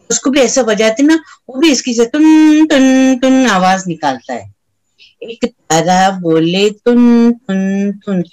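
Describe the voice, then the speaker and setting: A woman's voice: mid-range voice, low-quality recording. A woman teaching young children a rhyme, reciting it in a sing-song way and imitating the sounds of trains, birds and animals.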